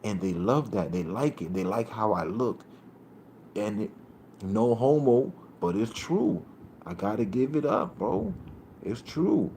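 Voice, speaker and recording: A man in his thirties from Puerto Rico hosting a casual livestream, rambling in streetwise slang and shouting out viewers by name. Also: on the low side, lively intonation, a little slow, slight background noise. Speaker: livestream host.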